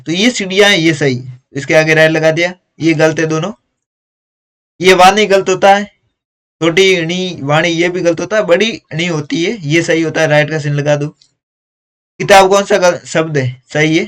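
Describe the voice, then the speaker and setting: A man with a fairly high voice teaches a workbook lesson. He walks through each exercise patiently, one step at a time, correcting the words as he goes. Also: fairly bright tone.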